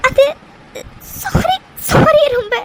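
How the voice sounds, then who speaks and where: A woman voicing an emotional young woman in a cartoon love story, halting and tearful as she thanks her fiancé. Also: very high-pitched, fairly bright tone, a little hiss or hum. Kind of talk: cartoon voice acting.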